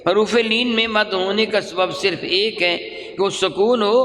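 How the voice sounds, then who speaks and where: A man's voice: high-pitched, fairly even intonation, a little slow, a bit bright, a little hiss or hum. Man teaching Quran recitation in a reverberant hall. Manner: drills sounds, asks questions and repeats answers. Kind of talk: classroom lesson with call and response.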